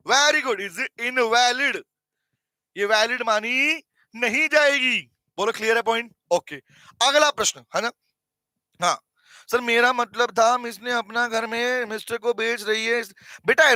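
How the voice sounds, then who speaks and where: A man with an Indian accent teaching an online class, animated and teasing, calling on students by name and repeating key phrases slowly for notes. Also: very high-pitched, no echo, rough recording.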